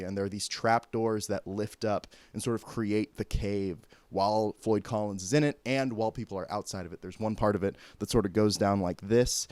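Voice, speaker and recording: A man's voice: fairly low pitch, dry recording. A man chatting casually and candidly as a vlogger, joking, laughing mid-sentence and stumbling over restarts. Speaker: vlogger reviewing theater shows. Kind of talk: casual opinionated chat.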